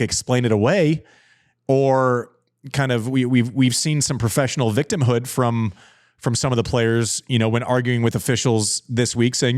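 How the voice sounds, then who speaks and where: A man's voice: mid-range voice, no room sound. Guy in his 40s cohosting a chat podcast, emphatic, repeats himself a lot, dry close sound. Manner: emphatic, repeats phrases for stress. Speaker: podcast co-host. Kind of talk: casual chat.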